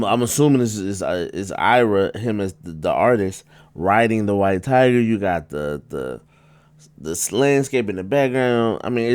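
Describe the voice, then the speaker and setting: A low-voiced man talks through an album review in a loose, rambling way, full of fillers and restarts. He leaps sharply up in pitch when he stresses a point. The recording is dry and close. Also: a little mellow, dry recording. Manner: rambling, many fillers and restarts, sudden high-pitched emphasis. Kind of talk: casual spoken review.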